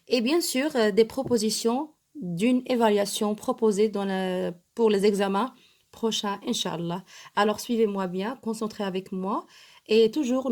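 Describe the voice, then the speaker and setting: A woman, teaching primary pupils, slowly spelling out letters and switching into Arabic to explain. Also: mid-range voice, darkish tone. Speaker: primary school French teacher. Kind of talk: bilingual lesson explaining an exam.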